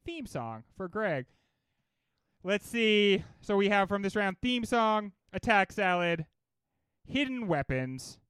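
A man's voice: high voice, clear, resonant tone, no room sound. A man co-hosting a casual movie podcast, laughing often and acting out scenes as he talks. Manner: giggly, animated, quick to laugh and act out scenes. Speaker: podcast co-host.

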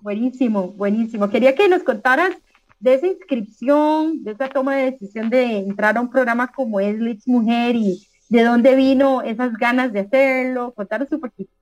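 A Costa Rican woman hosting a radio interview, full of effusive praise and pausing on the filler "este". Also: fairly high pitch, darkish tone, no room sound, low-quality recording. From Costa Rica. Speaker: radio host.

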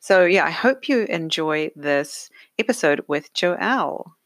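A middle-aged woman hosting a podcast from her home. She talks in a chatty, relaxed way, with plenty of ums and uhs. Her voice sits on the low side and sounds dry and close to the mic. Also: a little slow, no echo. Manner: chatty, warm-voiced with many fillers. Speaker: podcast host. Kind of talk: casual podcast interview.

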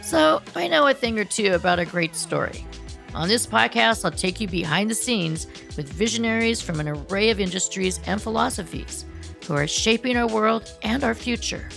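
A woman's voice: medium pitch, lively intonation, normal speed, gravelly, fairly bright tone, faint music behind. A middle-aged woman hosting a podcast, reading a polished, upbeat intro and interviewing a guest. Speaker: podcast host.

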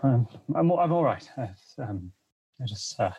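A man's voice: mid-range voice, big pitch swings, measured pace, dark tone, dull audio, slight background noise, pitched above the performer's own voice. A man playing a shell-shocked war veteran in a tabletop game, hollow and war-weary, stammering anxiously and evasively. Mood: shaken, evasive.

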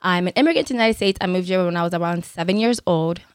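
Podcast guest: young woman from Cameroon, lowish pitch, lively and laughing, close dry studio sound. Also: very fast, clean tone, no echo. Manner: animated, laughs often, tag questions. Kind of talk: podcast interview, telling her story.

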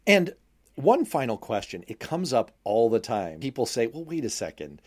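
A man's voice: medium pitch, very animated, moderate pace. A man co-hosting a podcast in casual chat, wry and jokey as he poses questions. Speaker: podcast co-host asking questions.

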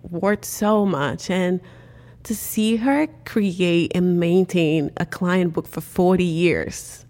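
A woman from Cape Verde, whose first language is Cape Verdean Creole, narrates her story as a guest in a casual interview. She is animated and uses "like" a lot, though she speaks slowly in a lowish voice.

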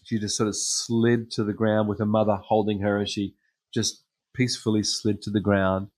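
A man preaching a sermon, telling personal stories in a halting way with frequent pauses and ums. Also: fairly low pitch, level tone, a little mellow. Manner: hesitant storytelling with frequent ums.

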